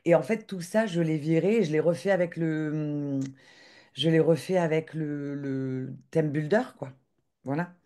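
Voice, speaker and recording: A woman giving a live software demo on a video call, talking hesitantly with lots of filler sounds and restarts. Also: deep voice, unhurried.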